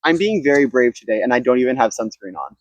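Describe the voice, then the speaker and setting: Young male co-host, deadpan teasing, mid-range voice, dry close sound, outdoors. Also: mid-range voice, fast talker, no room sound, muffled recording. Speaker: podcast co-host. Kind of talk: casual chat. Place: outdoors in the woods. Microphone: handheld mic passed between speakers.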